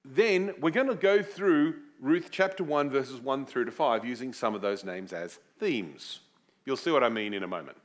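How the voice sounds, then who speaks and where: A lively, animated male preacher with a medium-pitched voice, speaking at normal speed, teaches a series on a book of the Bible in a sermon that includes prayer. He swoops his emphasis onto key words and keeps things chatty with self-deprecating asides.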